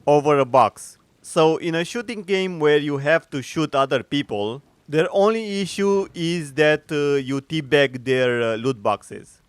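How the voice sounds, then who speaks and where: Man, sarcastic commentary, mocking, slightly high voice, smooth. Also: no echo. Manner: sarcastic, mocking, frequent filler pauses. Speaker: commentary youtuber. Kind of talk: opinionated video commentary.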